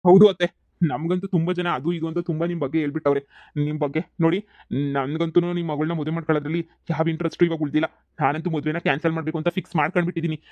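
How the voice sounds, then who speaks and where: Man voicing a stubborn young groom, insistent, fast-talking, slightly high voice. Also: flat delivery, no echo, muffled recording, natural voice. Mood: stubborn, fed up. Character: stubborn young groom calling off his wedding.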